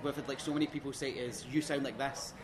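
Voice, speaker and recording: A man's voice: mid-range voice, steady tone, fast talker, over music. A Scottish man in a band, rambling in an interview with lots of fillers and acted-out quotes. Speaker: band member. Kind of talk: casual interview chat. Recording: crowd noise behind.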